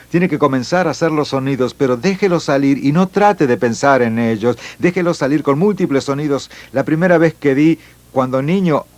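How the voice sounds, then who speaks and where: A man preacher giving earnest instruction to an audience about speaking in tongues. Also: mid-range voice. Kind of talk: teaching at a healing seminar.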